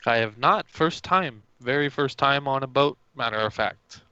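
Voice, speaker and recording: Male player, slow, crisp dry sound. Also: mid-range voice, no echo, dull audio. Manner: relaxed, polite in character. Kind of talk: casual tabletop game talk.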